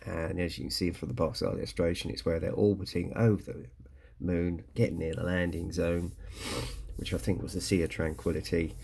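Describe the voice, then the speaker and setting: A British man with a very low, gravelly voice talks through a hobby kit unboxing. He sounds croaky and congested from a cold. His delivery is casual and conversational, with halting phrasing. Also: flat delivery, a little mellow. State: ill with a cold or hay fever, coughing. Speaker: scale model kit reviewer.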